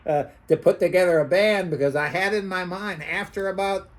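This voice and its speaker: This older American man's voice sits high and stays steady as he casually recalls his time as a club owner. He hesitates and rambles, often breaking into chuckles.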